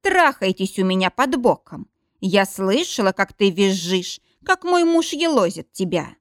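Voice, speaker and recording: A woman's voice: medium pitch, very animated, a little slow, dry recording, studio quality. A woman putting on a screaming, jealous heavyset wife. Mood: menacing. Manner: screaming threats, growling whisper.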